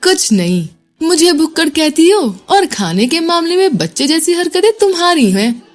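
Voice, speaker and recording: A woman voicing an easygoing young male student who jokes and keeps calm. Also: extremely high pitch, moderate pace, pitched above the performer's own voice. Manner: calm, joking.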